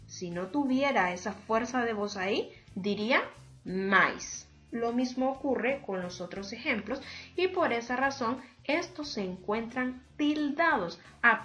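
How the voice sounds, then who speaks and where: A woman's voice: on the high side, lo-fi sound. A woman teacher giving a remote lesson on accents and syllables, pronouncing words syllable by syllable and speaking formally to her students. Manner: slow, deliberate, syllable by syllable, addresses students formally.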